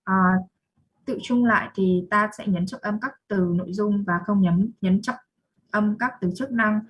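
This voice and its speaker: A woman's voice: medium pitch, measured pace, slightly rough, lo-fi sound. A young woman with a Vietnamese accent giving a student presentation, reading definitions and then explaining them again. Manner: reads slide definitions then restates them.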